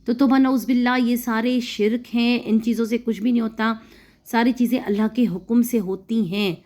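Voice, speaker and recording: Woman, recitation teacher, patient explanatory lesson, slow repeated model words. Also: a little high, fairly even intonation, a little mellow. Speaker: Quran tajweed and translation teacher.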